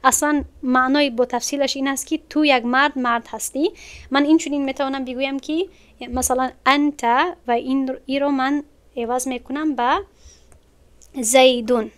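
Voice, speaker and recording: Using Persian with a Tajik accent, a woman leads an online Arabic grammar class, going point by point with patience and slow repetition of words. Her high voice is smooth, clear and a bit bright, with fairly even intonation.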